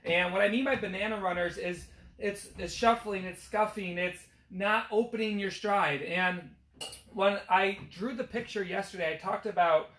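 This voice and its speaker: A man in his thirties, a physical therapist with a slightly failing, hoarse voice that sits high for a man. He explains running form casually from a treadmill, full of fillers and restarts. The sound is roomy and echoey, with a faint hum underneath. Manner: explains step by step, many fillers. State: losing his voice. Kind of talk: casual instructional talk. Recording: echoey room with faint background noise.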